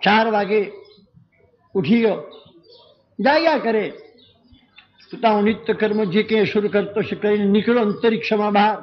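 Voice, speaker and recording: A man telling a devotional story as a sermon, dramatic and speaking straight to his listeners. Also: very high-pitched. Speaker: religious storyteller. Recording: dull lo-fi recording with faint birdsong.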